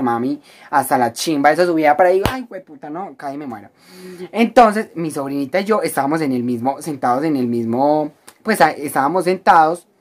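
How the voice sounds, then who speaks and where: A woman with a Colombian accent and a low voice tells a story on her vlog. Her delivery is theatrical and full of slang, and she addresses the viewer as a best friend. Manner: dramatic, exaggerated, slangy, chatty to the viewer as a friend. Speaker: vlogger.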